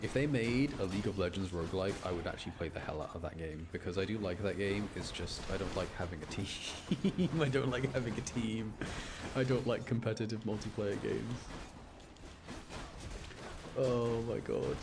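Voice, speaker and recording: Music plays behind a game streamer as he chats casually through his live commentary, explaining things and breaking off his own sentences. He speaks at a moderate pace in a lowish voice, with background noise present.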